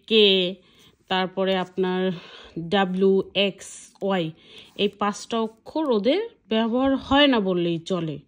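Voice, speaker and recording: A woman teaching a casual language lesson, patiently spelling out letters one at a time and often checking that her listeners follow. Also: medium pitch.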